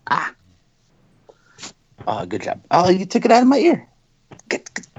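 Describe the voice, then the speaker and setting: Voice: medium pitch, wildly swooping pitch, unhurried, darkish tone, husky. Laughing co-host, muffled sound. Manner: laughing, coaxing a toddler to talk. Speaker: podcast co-host. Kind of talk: casual chat on a call.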